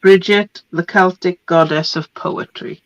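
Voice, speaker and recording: A woman whose cold is taking her voice chats through a show-and-tell of craft papers, laughing frequently and trailing off with ums. She keeps a steady tone at a measured pace in a voice on the low side. The lo-fi recording has no room sound.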